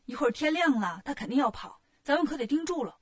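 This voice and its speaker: A woman voicing a bold, clever male monkey king in a children's storybook reading, talking in a brisk, commanding way. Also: high voice, lively intonation.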